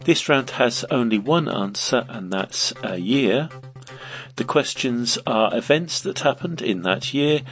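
A man reads quiz questions at a slow, deliberate pace, his pitch rising and falling in a lively way. Soft music plays under his voice throughout. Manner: measured, clear delivery. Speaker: quiz host.

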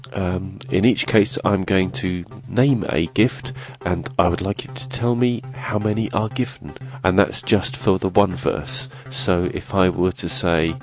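A man with a congested, nasal voice from a cold, hosting a quiz podcast in an orderly, scripted way. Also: lowish voice. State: has a cold, sniffly.

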